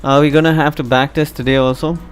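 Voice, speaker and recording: A man from India casually commenting on a live stream, chatting to his viewers in a relaxed way. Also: a little high, fast, clear, resonant tone, faint music behind. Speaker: live trading stream host.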